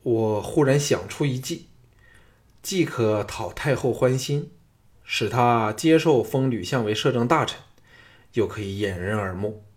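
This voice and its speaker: A male audiobook narrator voicing a cunning, confident male strategist who speaks in a quiet, conspiratorial way. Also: mid-range voice, animated, a little slow, close to an everyday voice. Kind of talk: audiobook character reading.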